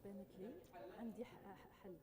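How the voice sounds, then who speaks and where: A woman taking part in a conference workshop, quietly and tentatively explaining her answer to a puzzle. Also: medium pitch, steady tone, a little fast, a loud crowd. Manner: quiet, tentative, counting out loud. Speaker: conference participant.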